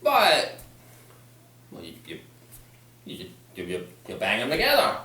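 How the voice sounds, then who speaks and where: A man's voice: mid-range voice, huge pitch swings, unhurried, bright, forceful tone. A man with a Pennsylvania Dutch accent, chatting casually and comically, explaining things in a folksy way and repeating his phrases. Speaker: co-host answering listener questions. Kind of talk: casual comic question-and-answer chat. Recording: roomy, echoey, distant microphone.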